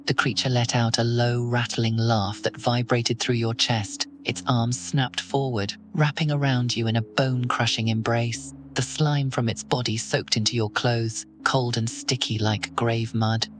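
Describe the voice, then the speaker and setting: Steady and ominous, a man narrates a horror scene in the second person over soft music. His pitch is middling and his pace a little slow, with hardly any pauses. There's a slight hiss or hum on the recording.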